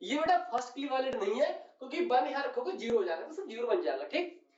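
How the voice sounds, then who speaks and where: Extremely high-pitched and very animated, this man talks fast with a slightly mellow tone while teaching chemistry at the board. Addressing students as "beta", he asks "clear?" again and again to make sure they follow. The mic is distant, leaving his voice off-mic, dull and echoey.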